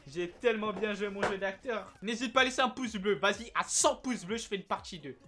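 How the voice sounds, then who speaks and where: A man chatting casually as a gaming video host, slangy and laid-back with quick asides. His voice sounds strained and worn. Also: high-pitched.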